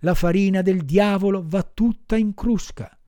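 Storybook puppet boy, read by a man: raised pitch, earnest, lively, dark-toned. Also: moderate pace, no room sound, studio quality, close to an everyday voice. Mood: scolding.

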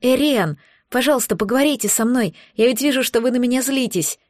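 A woman reading an audiobook, voicing a frightened young woman who pleads quickly in a higher voice. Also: a little mellow, no echo, clean studio sound, close to an everyday voice. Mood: pleading.

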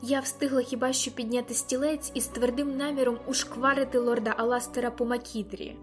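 A woman narrating a first-person novel in an audiobook with vivid, expressive storytelling. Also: on the high side, fairly quick, soft background music.

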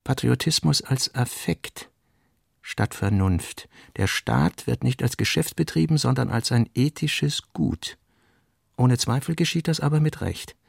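For a radio production, a man with a gravelly, creaky, mid-range voice reads literary notes in a scripted, essayistic and fragmentary style. He is expressive yet deliberate and clipped, laying out fragments and theses one at a time. The recording is dry and close, with no room sound.

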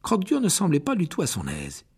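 Guy reading a fantasy audiobook, super breathy husky voice, lots of pitch swings, whispers the spooky bits. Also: wildly swooping pitch, fairly quick, darkish tone. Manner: dramatic, often drops to a whisper. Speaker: audiobook narrator.

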